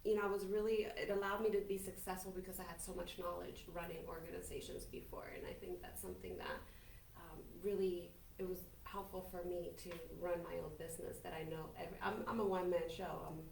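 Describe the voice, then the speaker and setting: This casual podcast interview features a Colombian businesswoman in her forties, a native Spanish speaker, chatting about her life in an upbeat, self-assured way. Her fairly low voice is gravelly and a little mellow, with fairly even intonation and a quick pace. She is far from the microphone, so the room is audible along with faint hiss.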